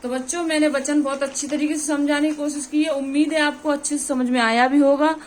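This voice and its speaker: A woman's voice: sits high, fairly even intonation, fairly quick, a little hiss or hum. A woman teacher with a Hindi accent from Uttar Pradesh, explaining grammar to students through examples and often checking that they follow. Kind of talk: exam-prep grammar lesson.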